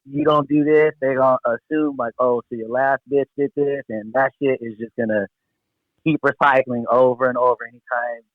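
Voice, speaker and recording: Through a dull, lo-fi radio-like sound with little echo, a man chats casually. His voice sits at a middle pitch. He is slangy and tends to repeat his phrases. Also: steady tone, normal speed. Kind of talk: casual chat.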